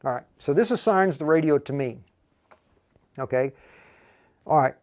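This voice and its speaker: A man with a highish, darkish voice and lively intonation speaks at a moderate pace. He is hosting a relaxed step-by-step radio programming tutorial on a livestream, thinking aloud during the demonstration.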